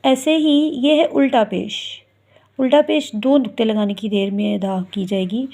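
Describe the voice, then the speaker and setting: A woman's voice: on the high side, unhurried, mellow. A woman teaching a recitation lesson to viewers, patiently drawing out each example sound and explaining step by step. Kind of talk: instructional video lesson.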